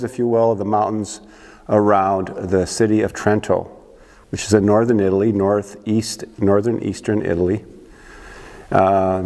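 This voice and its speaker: A man in his sixties with a Canadian accent, hosting a church talk show in a rambling, unhurried monologue. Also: lowish voice, mellow, long reverb tail. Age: 60s. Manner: rambling, unhurried, frequent restarts and uhs. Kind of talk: casual monologue to camera.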